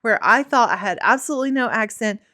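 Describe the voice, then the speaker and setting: A woman's voice: a little high, quick pace, sharp tone, dry recording, studio quality. A woman from Tennessee with a Southern accent, co-hosting a podcast in chatty, wry storytelling fashion. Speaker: podcast co-host. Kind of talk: casual chat.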